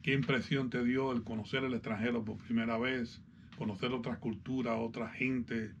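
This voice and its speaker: A man from Cuba with a Cuban Spanish accent, a host asking interview questions in a thoughtful, unhurried way. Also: mid-range voice, flat delivery, vocal fry. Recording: distant, muffled, faint background noise.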